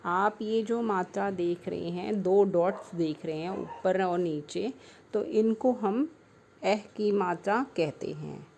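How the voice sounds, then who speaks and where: A young woman teaching small children in a patient, unhurried way, breaking words into single sounds. Her voice is mellow and warm, and she speaks slowly. She talks to the children affectionately. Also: medium pitch, creaky, a little hiss or hum. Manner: slow, patient, spelling out sounds syllable by syllable; affectionate, calls the children "beta". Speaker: primary school Hindi teacher. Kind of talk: online class lesson for young children.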